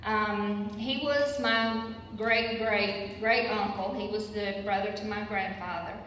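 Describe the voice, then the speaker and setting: A woman's voice: medium pitch, fairly even intonation, slow, fairly bright tone. An older woman with a Southern US accent giving an informal, folksy public lecture in a conversational way. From Patrick County, Virginia, United States. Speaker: guest lecturer and local history teacher. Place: large echoey room at a public lecture. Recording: very echoey hall, distant mic, faint noise.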